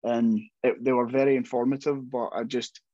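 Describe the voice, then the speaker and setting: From a room at home, a young metal band vocalist talks loosely in a casual interview over a video call, full of restarts and shrugging, self-deprecating asides. His mid-range voice is warm, with little pitch movement and normal speed. The dry audio is somewhat muffled, with no room sound.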